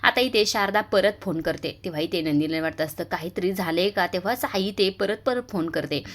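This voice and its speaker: A woman's voice: on the low side, fairly quick. A woman with a Marathi accent retelling a television serial episode, voicing each character's lines as she goes. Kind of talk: casual recap narration with acted dialogue.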